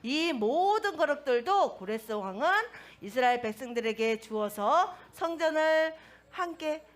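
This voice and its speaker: Woman, children's pastor, toddler sermon, high voice, very lively pitch, asks questions. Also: a little slow.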